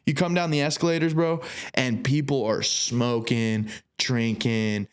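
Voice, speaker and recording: A young man in the middle of a casual podcast story, loose and profane. He gets animated, and his voice shoots up high whenever he quotes somebody. His pitch is otherwise average for a man. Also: measured pace, smooth. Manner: animated, swearing, pitch jumps way up when quoting people. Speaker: podcast guest.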